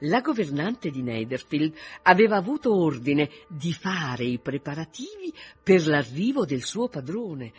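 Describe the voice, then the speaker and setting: Husky, expressive male reader. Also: fairly high pitch. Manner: expressive, storytelling. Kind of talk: radio reading of a novel.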